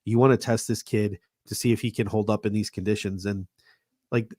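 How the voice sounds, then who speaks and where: A man co-hosting a football pregame show, talking in an animated way and getting heated about the game. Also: on the low side, a little fast, no echo, clean studio sound. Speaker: podcast co-host. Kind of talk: sports pregame talk show.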